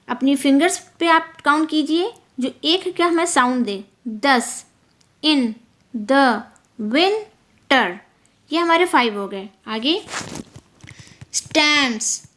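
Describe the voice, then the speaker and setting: A woman teaching a lesson on English poetry, explaining in Urdu-Hindi and reading the English text slowly and carefully. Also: high-pitched, a bit bright. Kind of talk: lecture.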